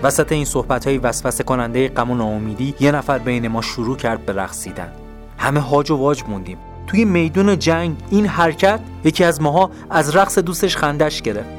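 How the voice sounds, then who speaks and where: Man narrating a dramatic story. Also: medium pitch. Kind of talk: scripted motivational story narration. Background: faint background music.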